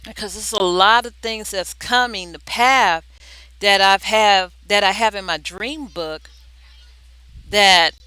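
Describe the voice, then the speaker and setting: A person giving an impromptu religious exhortation like a video diary, pleading earnestly and urgently, often repeating words in a halting way. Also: medium pitch, bright, forceful tone, smooth, no echo, rough recording. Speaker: video diarist sharing prophetic dreams.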